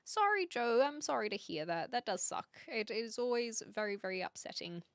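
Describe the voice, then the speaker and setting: A woman's voice: fairly high pitch, lively intonation, normal speed, fairly bright tone, no room sound, studio quality. A woman with a mild New Zealand accent chatting casually to livestream viewers in a playful, self-deprecating way. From New Zealand, Hamilton. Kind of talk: casual livestream chat, reading and answering viewer comments.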